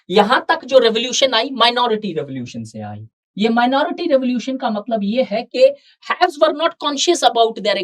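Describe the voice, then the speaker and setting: A woman teaches an exam-prep class. She explains step by step and keeps turning to the students with questions. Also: mid-range voice. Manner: explains in mixed Hindi and English, with rhetorical questions to students.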